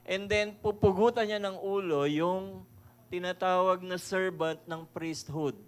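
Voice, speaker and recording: A pastor from the Philippines giving a conversational sermon, mixing Tagalog and English, reading verses slowly and chuckling as he asks his listeners questions. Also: sits high, fairly even intonation, clear, resonant tone. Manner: reads scripture verses slowly and deliberately; chuckles often, asks the audience rhetorical questions.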